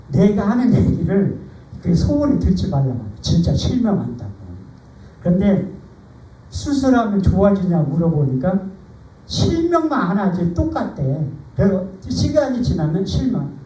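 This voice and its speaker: Middle-aged man, pastor, conversational testimony sermon; lively rising-and-falling delivery, warm low tone, echoey church hall, mic set back. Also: recorded from a distance. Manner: conversational storytelling, animated. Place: church sanctuary.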